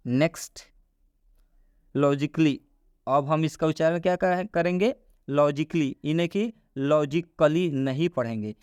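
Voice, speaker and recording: Male tutor, fairly high voice, drills and questions the class. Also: a little mellow, clean tone, no echo, studio quality. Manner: repeats rules and quizzes the listener. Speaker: English pronunciation teacher. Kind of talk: classroom-style explanation.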